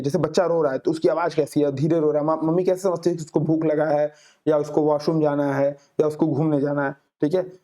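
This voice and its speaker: Male teacher, exam-prep lecture, fairly high pitch, warm mellow tone, slow read-outs then explanation. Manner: reads English questions out very slowly, then explains with everyday examples. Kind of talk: Hindi lecture solving exam questions.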